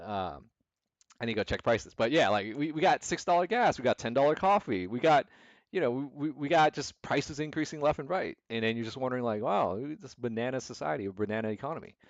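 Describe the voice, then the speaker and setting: A man in the middle of his pitch range talks loosely about the markets as host. He rambles, restarts, and slips into the voices of jittery traders. The sound is dry and a bit dull, like a close home mic. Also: lively intonation, a little fast, no room sound. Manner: rambling, repetitive, restarts often, acts out quoted emotional traders. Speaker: investment club host. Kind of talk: casual livestream market commentary.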